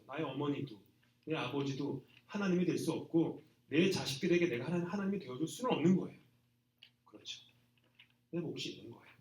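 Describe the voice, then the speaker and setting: A man preaching a sermon to students in a plain, conversational way, often dropping to a soft trailing voice at the ends of phrases. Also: a little high. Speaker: pastor. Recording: echoey hall from a distance.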